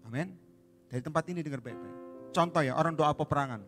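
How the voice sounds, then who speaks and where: Animated preacher man bright voice. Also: on the high side, quick pace, soft background music. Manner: animated storytelling with sudden shouts. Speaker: evangelist preacher. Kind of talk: sermon.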